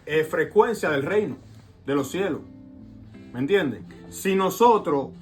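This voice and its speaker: A man's voice: fairly high pitch, lively intonation, a little slow. Reflective man preaching in casual talk. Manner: reflective, repeats phrases, asks "¿verdad?". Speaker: co-host of a faith talk show. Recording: phone recording with guitar music behind.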